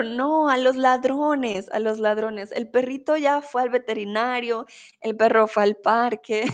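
A young woman teaching Spanish in a live online class, speaking slowly and carefully. Her voice sits a little high, and she is patient and encouraging with the viewers whose comments she reads aloud. She laughs often.

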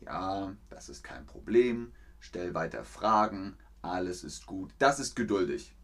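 A man teaching a live online language lesson, answering chat questions patiently and repeating example sentences clearly. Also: low-pitched, lively intonation, unhurried. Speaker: German language teacher streaming.

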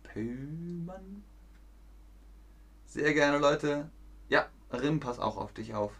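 A man's voice: on the high side, unhurried, a bit bright. Man teaching on a live stream. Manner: asks viewers questions and reads out the chat; simple, clear storytelling for learners. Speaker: German teacher streaming a lesson. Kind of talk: live-stream lesson for learners.

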